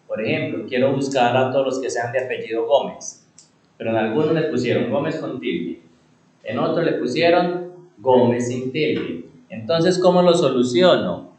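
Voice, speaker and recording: Teaching a computer class, this man poses questions and answers them himself, stressing key words by repeating them slowly. He speaks at medium pitch with a darkish tone, on a low-quality recording with a roomy sound.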